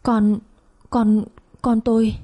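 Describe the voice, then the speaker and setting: Lady doing a shrill panicky older mom yelling for help, dark husky voice. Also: expressive, brisk. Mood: panicked. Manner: scolding, crying out for help. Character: furious then panicked older mother.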